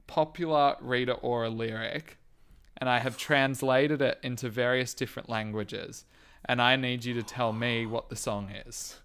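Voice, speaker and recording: A man with a gravelly, creaky edge to his voice talks in a casual podcast chat. He sounds relaxed and wry, often pausing on an um before going on. His pitch sits at an ordinary middle level. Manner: relaxed, wry, hesitant with frequent ums. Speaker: podcast co-host.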